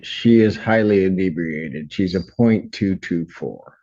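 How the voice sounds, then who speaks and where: A man's voice: low voice, a little slow, warm tone. A man speaking as a judge in an informal hearing, plain-spoken and patient, often interjecting. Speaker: judge presiding over a hearing. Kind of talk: informal courtroom exchange. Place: court hearing held over video call. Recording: dull video call audio.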